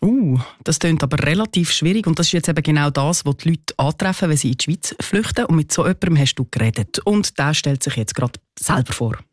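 Swiss german radio host dude, kinda high voice, curious questions, dry studio sound. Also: male voice, animated, quick pace, few pauses, no echo. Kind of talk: radio chat.

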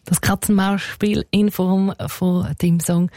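Low, mellow Swiss German radio host. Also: female voice, flat delivery, unhurried, no echo, studio quality. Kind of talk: radio interview.

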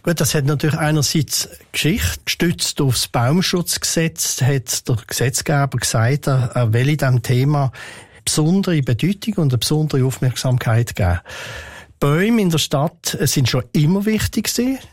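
A man, answering interview questions in a measured, thoughtful way with frequent hesitations. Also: on the high side, expressive, dry recording, clean studio sound. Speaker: head of city tree and green space department, interviewee.

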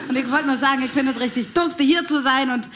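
A woman's voice: high voice, fairly quick, background noise, voice pushed up, natural voice. A woman voicing a brash, blunt female clown with a Berlin accent in a stage comedy act. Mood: boisterous.

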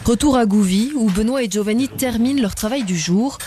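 A woman reporter narrating a news report and putting questions to interviewees in a measured, composed way. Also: a little high, dark tone.

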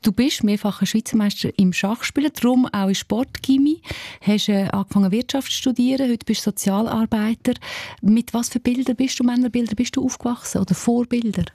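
A woman's voice: on the high side, fairly quick, dark tone, breathy edge, dry recording, clean studio sound. A woman interviewer, curious, asking questions and recapping her guest's background.

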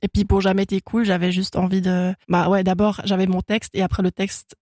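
This young Swiss guest, German being her first language, chats laughingly with a radio host about her songwriting, using plenty of fillers and restarts. Her mid-range, darkish voice has little pitch movement and runs fairly quick. The sound is dry.

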